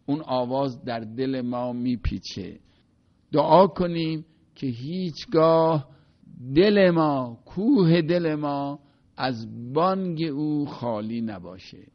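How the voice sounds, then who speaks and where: An older man giving a poetry lecture, slowly and more loudly reciting verses, then explaining them in easy everyday talk. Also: a little high, animated. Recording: dull lo-fi recording.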